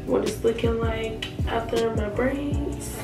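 A woman's voice: on the high side, fairly even intonation, takes it slowly, recorded from a distance. A young woman talks casually to the camera, her voice a little affected by being sick. She takes her time and repeats phrases for emphasis. The sound is roomy and set back from the mic in a small bathroom, with music playing behind her. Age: young adult. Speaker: natural hair vlogger. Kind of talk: casual tutorial chat to camera. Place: small tiled home bathroom, indoors. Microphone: camera mic a short distance away.

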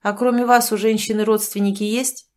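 A woman voicing a male hospital doctor who explains things in a calm, instructive, matter-of-fact way. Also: medium pitch, a little fast, natural voice.

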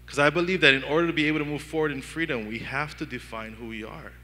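A man from Hawaii with a Pidgin-tinged accent, preaching a sermon with lively storytelling and acted-out inner dialogue. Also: a little high, fast talker, long reverb tail, slight background noise. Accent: Hawaiian Pidgin-tinged English. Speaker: pastor. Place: church hall.

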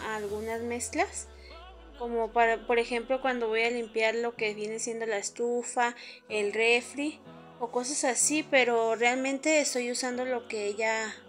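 A woman, chatting to viewers in a casual cleaning vlog from her home kitchen. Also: a little high. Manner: chatty, addresses viewers directly. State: sweaty from cleaning. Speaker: vlogger.

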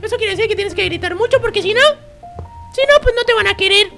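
A performer voicing a hyper little boy youtuber who teases and yells during Minecraft gameplay banter. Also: very high-pitched, quick pace, vocal fry, faint music behind, full character voice. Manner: shrieky, teasing, yells often.

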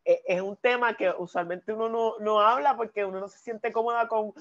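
A woman's voice: fairly high pitch, steady tone, a little fast, fairly bright tone, highs cut off. A woman co-hosting, talking in an earnest, emotional way about how a talk moved her. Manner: emotional, earnest, with many restarts. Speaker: co-host. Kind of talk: casual heartfelt chat.

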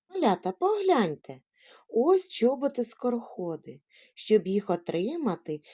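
A woman gives a children's lesson in a gentle, sing-song way. Her voice is mellow and warm, and her pitch swoops up and down a lot. She takes her time over every word. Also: breathy edge. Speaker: teacher.

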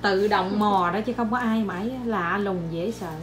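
A young mother vlogs casually at home with a medium-pitched, fairly even voice at a moderate pace. She chats with her viewers, calling them aunts and uncles.

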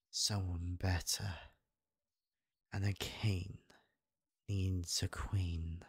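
A man playing a possessive, lovestruck devil prince in an ASMR role-play, with a breathy demonic soft voice, coaxing and menacing. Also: fairly low pitch, dry recording, clean studio sound, exaggerated voice. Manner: slow, intimate demonic soft voice, coaxing with veiled threats. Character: possessive young male devil prince, obsessively in love, menacing.

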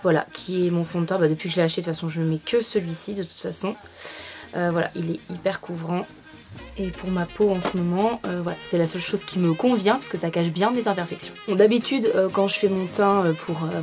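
A young adult woman with a lowish, darkish voice talks casually through a makeup tutorial as a beauty vlogger. She's chatty and uses lots of fillers.

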